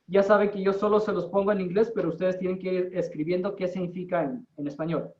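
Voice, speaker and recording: A man teaching an English class in Spanish, explaining slowly and deliberately and checking in with his students. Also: high-pitched, steady tone, a little mellow. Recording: distant, roomy, dull-sounding.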